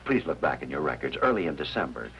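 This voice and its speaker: A deep-voiced calm chaplain. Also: male voice, fast talker, full character voice. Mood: pleading. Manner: calm, polite, persistent questioning. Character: earnest male hospital chaplain. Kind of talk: 1950s TV drama acting. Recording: dull lo-fi 1950s TV soundtrack with music.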